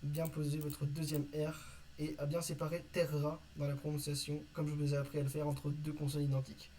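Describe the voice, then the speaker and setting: A man teaching vocabulary from an invented language in a casual lesson, reading word lists and pausing often with fillers. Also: a little high, completely flat delivery, mellow, a little hiss or hum, rough recording. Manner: reads word lists, hesitant with many "euh". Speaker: conlang teacher.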